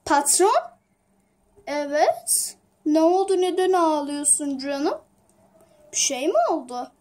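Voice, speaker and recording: A woman's voice: high-pitched, slow, a little mellow. A woman voicing a stern, demanding company boss in a homemade toy drama, bossy and insistent. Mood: probing. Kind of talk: toy-figure home drama.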